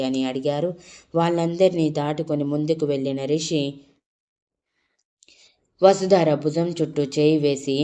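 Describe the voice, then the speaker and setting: A woman narrating an audio love story with a low, mellow voice. She reads steadily, pausing and correcting herself now and then. Her tone is dark and relaxed, never sharp. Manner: steady reading with small self-corrections.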